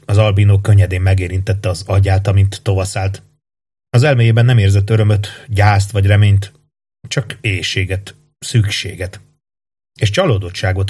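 A man with a husky voice reading a fantasy story as measured scripted narration. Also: fairly low pitch, darkish tone. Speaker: audiobook narrator.

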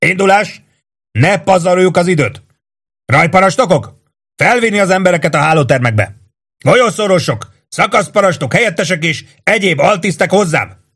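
A man reading an audiobook, voicing a gruff army first sergeant who shouts orders at his troops in a loud, raised voice. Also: mid-range voice, pitched above the performer's own voice, lightly acted. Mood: commanding, shouting. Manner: barks commands, curses, loud and emphatic.

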